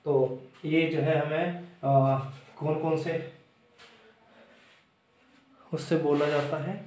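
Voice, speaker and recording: A man teaching a blackboard grammar lesson, slowly repeating and sounding out letters aloud, in a classroom. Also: a little high, fairly even intonation, darkish tone, distant mic, slight background noise. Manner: slow, repetitive, demonstrating sounds aloud. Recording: echoey room, voice from the mic.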